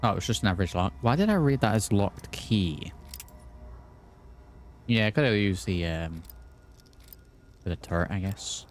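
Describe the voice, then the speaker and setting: A man's voice: fairly low pitch, animated, moderate pace, long pauses. A man giving casual, off-the-cuff commentary while he plays a video game. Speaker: gaming video host. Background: faint game music.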